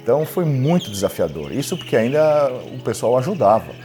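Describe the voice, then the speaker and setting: A man's voice: medium pitch, brisk, music in the background. A middle-aged man from Brazil, a lawyer and entrepreneur, tells his own story frankly in an interview and acts out what other people said to him. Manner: candid, animated, quotes others in dialogue.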